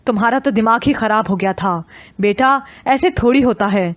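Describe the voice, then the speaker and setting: A woman's voice: a little high, dry recording, natural voice. Woman reading as a stern mom scolding her grown daughter, dry close sound, audio novel. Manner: scolding, reproachful. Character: stern worried middle-aged mother.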